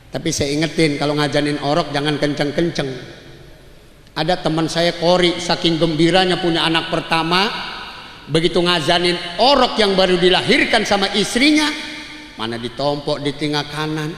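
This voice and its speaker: A man's voice: a little high, normal speed, fairly bright tone. A man preaching a humorous Maulid sermon, joking and calling out to the audience for replies. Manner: chants the call to prayer to illustrate. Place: large hall at a religious gathering. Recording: echoey hall with long reverb.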